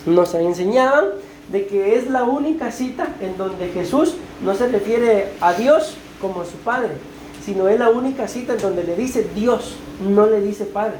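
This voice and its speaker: A woman's voice: mid-range voice, mellow, slight background noise. A woman preaching a sermon, often asking her listeners "right?" and calling them beloved brethren. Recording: roomy church echo.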